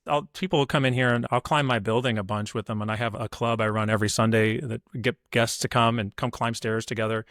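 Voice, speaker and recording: A man's voice: mid-range voice, a bit bright, no room sound, studio quality. A middle-aged man talking as a podcast guest in an upbeat, motivational way, acting out what people say. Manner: upbeat, motivational, acts out quoted voices. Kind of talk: casual interview conversation.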